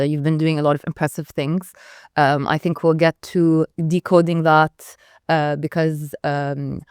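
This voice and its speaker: Young woman moderating a panel, low smooth voice, lots of ums, chatty. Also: a little mellow, no room sound, clean studio sound. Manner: chatty, filler-heavy questioning.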